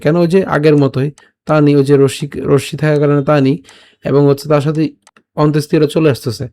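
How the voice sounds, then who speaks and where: A man's voice: fairly high pitch, dark tone. A man with a Bengali accent teaching pronunciation of scripture verses, breaking words into syllables and checking in with his students. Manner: slow, syllable-by-syllable pronunciation drills with frequent checks. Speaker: Gita recitation teacher. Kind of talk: pronunciation lesson.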